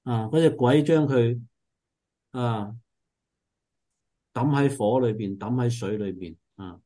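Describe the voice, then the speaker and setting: A man preaching in an earnest, explanatory way as he leads a Bible study, often stopping on drawn-out filler sounds. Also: medium pitch, dark tone. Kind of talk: Bible teaching sermon.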